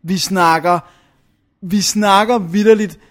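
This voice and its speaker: A man's voice: sits high, steady tone, a bit bright. A young man chatting casually about a film, rambling, searching for names and filling gaps with hesitations. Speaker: film reviewer.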